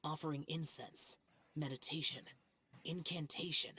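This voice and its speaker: A man playing a stern, aloof young immortal guardian in a video game, speaking formally and gravely with measured delivery. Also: on the high side, fairly even intonation, sharp tone, exaggerated voice. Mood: solemn, instructive. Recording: game music behind the voice.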